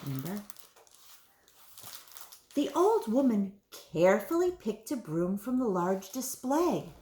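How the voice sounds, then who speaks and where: A woman's voice: medium pitch, big pitch swings, takes it slowly, warm tone. A woman, a preschool teacher, reading a picture book aloud to children and asking them questions. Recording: roomy room echo.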